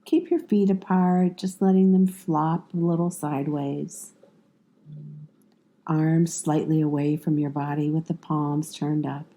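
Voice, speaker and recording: A low-pitched female voice leads a guided yoga nidra meditation, offering soothing, calm instructions in measured phrases and leaving long pauses.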